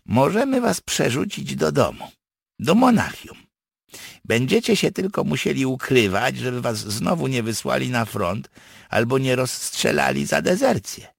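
A man voicing a cynical rustic man with hidden powers, talking gruff and earthy in an audiobook. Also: mid-range voice, big pitch swings, measured pace, no echo, studio quality, voice pushed up, heavily acted. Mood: gruff scheming. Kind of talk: audiobook character voice.

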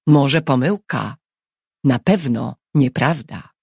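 A tense, determined husband from a storybook, read by a woman speaks in clipped, urgent phrases. The voice is husky and gravelly, slow, with a dry, close sound. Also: rumbling low, lively intonation, darkish tone, no echo, heavily acted. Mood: tense, firm. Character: tense, resolute husband accused of treason.

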